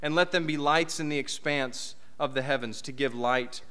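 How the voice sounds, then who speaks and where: A man's voice: a little high, moderate pace, bright, forceful tone, clean tone. A man in his thirties preaching a conversational sermon from a church podium, with asides and rhetorical questions. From United States. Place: church hall. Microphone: podium mic.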